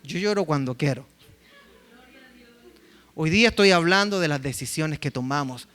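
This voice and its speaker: A man preaching a sermon as pastor, telling stories with lively acted-out quotes. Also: fairly high pitch, normal speed, clean tone, in a large hall. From Chile. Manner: lively storytelling, acting out quotes. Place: church sanctuary.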